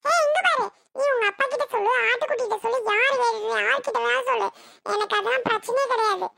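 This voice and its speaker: Someone voicing a young husband in a tirunelveli cartoon, super high squeaky voice, fed up and pleading. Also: quick pace, creaky, pushed and bright, no echo, exaggerated voice. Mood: exasperated. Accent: Tirunelveli Tamil. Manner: exasperated, pleading. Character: young husband, defiant then tearful. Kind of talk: cartoon voice acting.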